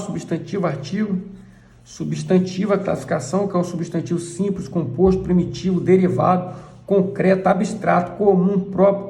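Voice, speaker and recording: A church elder with a Brazilian Portuguese accent teaches from a book, pausing often to point things out. His voice sits fairly high but sounds mellow and gravelly. The recording carries a noticeable room echo. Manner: points things out with frequent "look" asides. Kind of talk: explaining a book page by page.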